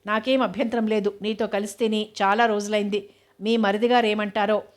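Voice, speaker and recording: A woman's voice: mid-range voice, flat delivery, normal speed, lightly acted. A woman reading the lines of a cheerful young wife in a storybook, chatty and lighthearted.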